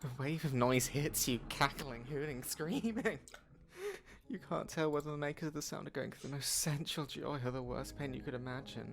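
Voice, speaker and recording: A man's voice: a little high, normal speed, gravelly, a little hiss or hum. A man reading scripted second-person narration for a story game in a dramatic storytelling manner.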